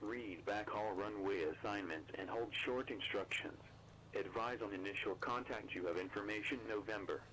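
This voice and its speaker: A male voice reading an automated airport weather broadcast over the radio in a flat, even readout of numbers and conditions. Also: on the low side, moderate pace, a little hiss or hum, low-quality recording. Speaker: recorded weather information. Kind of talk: monotone recorded readout.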